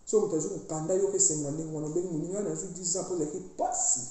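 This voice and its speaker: In a very echoey room, a priestess urges her online followers on with insistent, preachy spiritual exhortation, switching between languages at will. She speaks rapid-fire in a lowish, dark voice with fairly even intonation.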